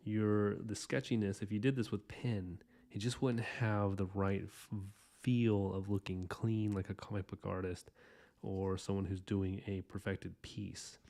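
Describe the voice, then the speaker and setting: A man in his thirties with a low, mellow voice gives a casual drawing tutorial while he sketches. He rambles in a relaxed, chatty way, restarting his sentences as he goes. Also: unhurried. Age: 30s. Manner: rambling, loose and chatty, lots of fillers and restarts. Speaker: artist hosting a drawing podcast.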